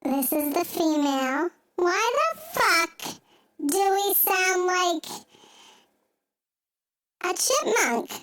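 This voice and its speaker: A squeaky chipmunk voice filter turns into a tiny high cartoonish speaker. The words come out very slow and drawn out, with plenty of casual swearing. It sounds like someone playing with a voice changer in a solo podcast. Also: female voice, lively intonation, fairly bright tone, full character voice. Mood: amused. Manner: swears a lot, loose and joking. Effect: high-pitched chipmunk voice filter. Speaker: podcast host.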